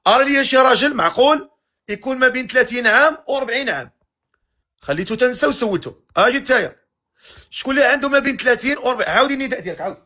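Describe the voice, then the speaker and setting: Very high-pitched, animated and sharp, a Moroccan-accented man hosts a matchmaking live stream. He keeps teasing the guests with fast questions.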